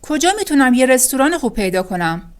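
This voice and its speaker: A woman teaching English phrases with translations, saying each phrase and then repeating it slowly and carefully. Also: high voice, sing-song. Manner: clear, careful pronunciation, drawing out words on repetition. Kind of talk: language lesson, reading phrases then repeating them slowly.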